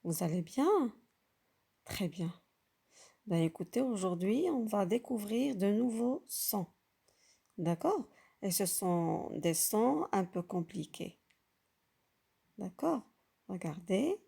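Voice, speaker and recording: A woman teaches French sounds to beginners, very slowly and deliberately, with a gravelly edge to her voice. She repeats each sound patiently and often pauses to check that her listeners understand. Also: medium pitch, big pitch swings, warm tone. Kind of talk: slow, carefully articulated lesson for beginners.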